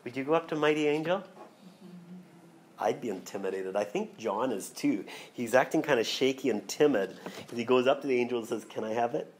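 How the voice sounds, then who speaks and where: A man, a pastor, preaching a sermon and reading scripture aloud with slow, dramatic emphasis. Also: mid-range voice, slight background noise. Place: church hall.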